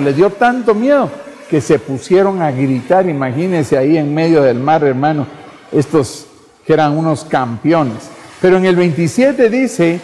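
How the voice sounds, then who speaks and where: A man's voice: fairly high pitch, a little mellow. A man preaching a fervent sermon, repeating phrases and calling the listeners brother. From Guatemala. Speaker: pastor. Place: church. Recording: church hall reverb.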